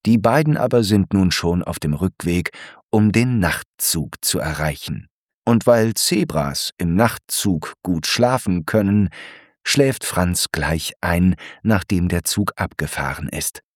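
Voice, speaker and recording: Male narrator for a children's book, low, slow and measured. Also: no echo, clean studio sound. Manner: calm, measured storytelling. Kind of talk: children's story reading.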